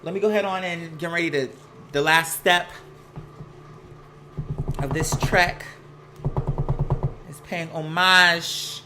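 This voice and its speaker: Taking things slowly and pausing often, an American livestreamer with a steady, mid-range voice chats casually in a campy, sassy, slang-rich way. Some household noise from nearby laundry can be heard at home.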